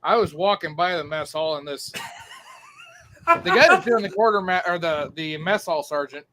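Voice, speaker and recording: Male guest, high bright voice, deadpan anecdotes over a video call. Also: normal speed, slight background noise, low-quality recording. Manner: dry anecdotal storyteller. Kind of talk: casual chat.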